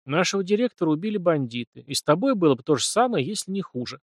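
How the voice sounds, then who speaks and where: A man voicing a calm teenage boy who speaks tersely and without emotion. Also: on the high side, quick pace, no room sound, studio quality, pitched above the performer's own voice. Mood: deadpan. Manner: flat, terse, deadpan.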